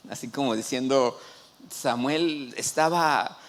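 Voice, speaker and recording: A man with a Mexican Spanish accent preaching a sermon, colloquial and animated, acting out quotes with excited outbursts and frequent restarts. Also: mid-range voice, slow. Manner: animated, acts out biblical quotes with excited shouts. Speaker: pastor.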